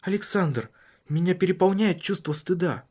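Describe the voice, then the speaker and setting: A man voicing an anxious, pleading young wife in an audiobook, softly and with a hurt tone. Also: high-pitched, moderate pace, breathy edge, voice pushed up.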